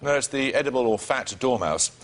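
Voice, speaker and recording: Dry, crisp quizmaster man. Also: medium pitch, lively intonation. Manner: crisp, dry and wry, briskly authoritative. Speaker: quiz show host. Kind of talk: reading quiz questions in a studio. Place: television studio.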